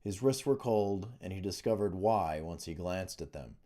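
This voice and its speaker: Narrating his fantasy novel straight from the page, the male author speaks in a low voice whose timbre is dark and soft-edged. The audiobook-style reading is animated and moves at a moderate pace.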